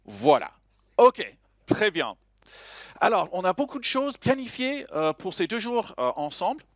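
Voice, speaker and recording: A man emceeing a live conference with a slight foreign accent. His voice sits a little high and swoops animatedly as he jokes with the crowd, and the sound is close and dry. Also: a little slow, no room sound. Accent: a slight foreign accent in French. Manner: lively, joking, chatty with the audience. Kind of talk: live conference opening address. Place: conference hall stage.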